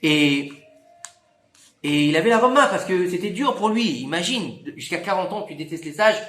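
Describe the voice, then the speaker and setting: Animated rabbi telling a story. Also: male voice, normal speed, echoey room. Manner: animated, acts out dialogue with big pitch swings. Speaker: rabbi teaching a Torah class. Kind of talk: lively storytelling Torah lesson.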